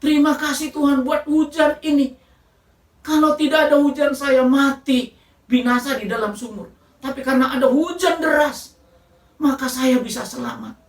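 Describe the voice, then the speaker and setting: A man's voice: very high voice, fairly even intonation, normal speed, reverberant, far from the mic, voice pushed up. Woman putting on a frantic trapped hunter. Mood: grateful. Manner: pleading, frantic repeated prayers. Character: desperate male hunter trapped in a flooding well.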